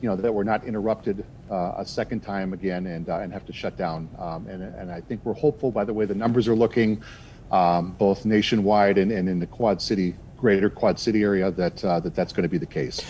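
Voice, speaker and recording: Guy on a tv interview, kinda low voice, lots of um and uh. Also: a little fast, dark tone, a little hiss or hum. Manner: hesitant, many fillers and restarts. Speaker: theater executive, guest. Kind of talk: TV interview answers.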